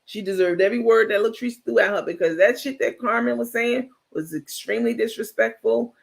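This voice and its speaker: A man hosting a live stream, casually gossiping and reacting to his viewers' chat in an animated, blunt, talkative way. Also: very high voice, a little fast, vocal fry. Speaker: livestream host.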